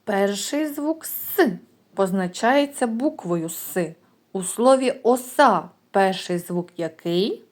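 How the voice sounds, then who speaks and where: Speaking to preschoolers, this female kindergarten teacher keeps her pitch lively and her delivery unhurried. Every word is sounded out distinctly, with long, clear sounds meant for small children.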